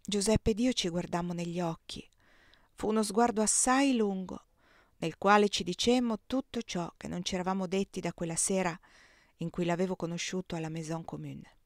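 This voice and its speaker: A woman narrating a novel in the first person as an audiobook reader, in a steady, even reading voice. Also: fairly low pitch, normal speed, no echo, clean studio sound.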